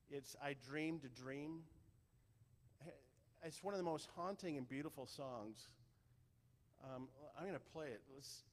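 A slightly high-voiced male pastor gives a loose, conversational sermon. He rambles and often restarts his sentences. A long reverb trails behind his voice, as in a large hall. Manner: rambling, halting, with many restarts.

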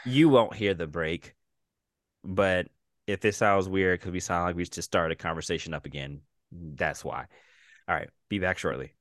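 A man co-hosting a podcast in casual chat, unhurried and quick to laugh. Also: deep voice, fairly bright tone, no echo, studio quality. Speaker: podcast co-host.

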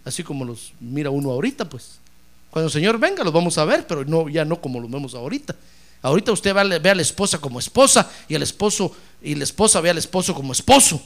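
Gravelly, lively-voiced male preacher. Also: fairly high pitch, quick pace. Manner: impassioned preaching, repeatedly addressing listeners as brother. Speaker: pastor. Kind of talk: sermon.

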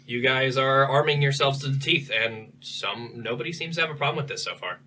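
A man's voice: medium pitch, fairly quick, sharp tone, recorded from a distance, poor audio. A man narrating as game master in a livestreamed tabletop game, rambling, with fillers and restarts.

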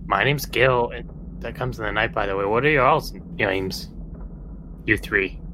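A man's voice: on the low side, moderate pace, bright, forceful tone, slight background noise, poor audio. A man chatting casually as a player in a tabletop role-playing game.

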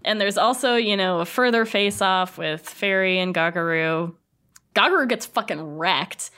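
A woman's voice: medium pitch, moderate pace, pushed and bright, clear, resonant tone. A woman hosting a podcast, chatting casually and retelling film scenes with lots of laughter. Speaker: podcast host.

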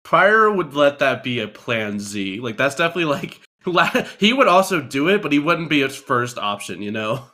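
A male tabletop player who rambles and thinks out loud. His voice is bright and forward, at a middle pitch. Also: sing-song, normal speed, hardly any pauses. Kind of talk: tabletop game table talk.

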